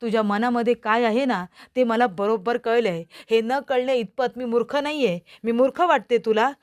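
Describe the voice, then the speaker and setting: In a spoken recap of a TV serial, a woman narrator voices an angry young woman confronting a man and demanding answers. Her pitch is a little high, close to an everyday voice, at a moderate pace, and her questions press hard.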